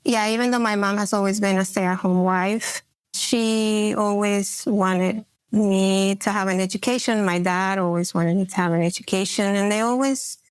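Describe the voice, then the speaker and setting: A Peruvian woman in her forties, appearing as a podcast guest, tells personal stories in an interview in an earnest, reflective way, with frequent fillers. Her mid-range voice is steady at a moderate pace, and there's no echo.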